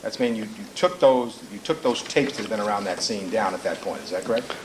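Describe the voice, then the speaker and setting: A man's voice: fairly low pitch, fairly quick, background noise. A man cross-examining a witness as an attorney in a courtroom recording, pressing with repeated leading questions.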